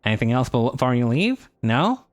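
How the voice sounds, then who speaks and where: A man's voice: mid-range voice, sing-song, normal speed, voice pushed up, close to an everyday voice. A man voicing a boastful, nerdy male bird-creature bookbinder in a game, pompous and curt.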